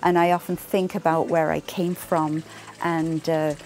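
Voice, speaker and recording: A woman in her sixties with an English accent, a fibre artist speaking reflectively in a documentary interview, pausing often with ums. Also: sits low, little pitch movement. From England. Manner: reflective, soft-spoken, many ums and uhs. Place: home craft room. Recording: soft music underneath.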